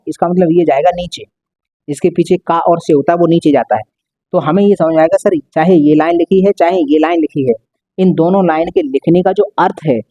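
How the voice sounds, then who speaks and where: A man's voice: on the high side, mellow, dry recording. A male maths teacher explaining a lesson step by step, repeating and stretching out key words.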